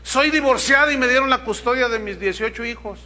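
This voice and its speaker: A man's voice: very high-pitched, a little fast, pushed and bright, pitched above the performer's own voice, heavily acted. A man, voicing a worried churchwoman who pleads with her pastor and keeps repeating her question. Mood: pleading.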